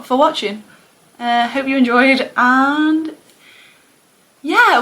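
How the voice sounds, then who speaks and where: A woman's voice: high-pitched, a bit bright. A young woman from Manchester with a Mancunian accent, chatting casually to camera, self-deprecating and trailing off with fillers. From England. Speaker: booktuber.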